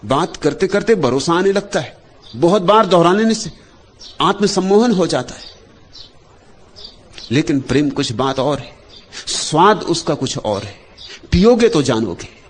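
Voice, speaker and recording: A man delivering a meditative spiritual discourse as a teacher, speaking in short, measured phrases with repeated refrains. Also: fairly high pitch, lively intonation, slight background noise.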